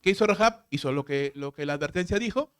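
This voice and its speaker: A man pastor preaching a sermon, emphatic and full of rhetorical questions, swinging from loud to hushed. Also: fairly high pitch, animated, fast, clear, resonant tone.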